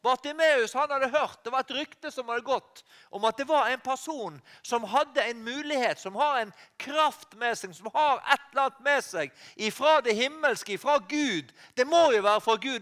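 A man with a Norwegian accent preaching a sermon, animated, rising to loud cries and often correcting himself mid-phrase. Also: extremely high pitch.

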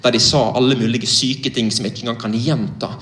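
Earnest young Norwegian preacher, echoey room. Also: male voice, mid-range voice, fairly even intonation, a bit bright, a little hiss or hum. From Norway. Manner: vivid storytelling, direct and earnest. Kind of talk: sermon testimony.

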